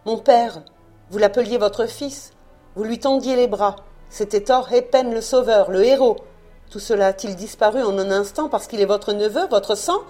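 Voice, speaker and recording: A proud young peasant woman from an old tale, earnest and pleading, as a woman reading a novel aloud plays her. The voice sits at a middling pitch. Soft music runs underneath. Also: moderate pace, natural voice.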